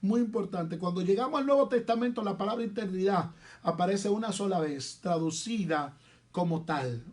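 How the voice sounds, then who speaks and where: High-voiced Dominican preacher. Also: male voice, expressive, a little mellow. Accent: Dominican Spanish. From Dominican Republic. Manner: emphatic preaching with repeated phrases and slowed, stressed words. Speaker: pastor. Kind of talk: sermon.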